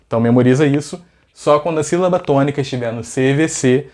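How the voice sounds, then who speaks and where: Chatty Brazilian English teacher. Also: male voice, mid-range voice, fast, a little mellow. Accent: Brazilian Portuguese. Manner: chatty, asks rhetorical questions. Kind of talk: casual video lesson.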